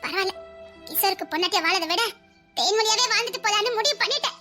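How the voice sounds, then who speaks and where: A woman voicing a young bride who defies her quick-tempered husband in a dubbed serial drama, with nervous laughter. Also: very high-pitched, sharp tone, faint music behind. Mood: fearful.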